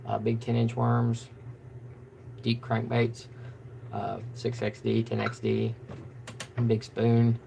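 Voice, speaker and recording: A man hosts a relaxed live stream about fishing, talking in a flat monotone full of fillers and restarts. His voice is deeply gravelly and fry-heavy. There is a faint hiss behind him. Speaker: fishing channel host. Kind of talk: casual live stream chat.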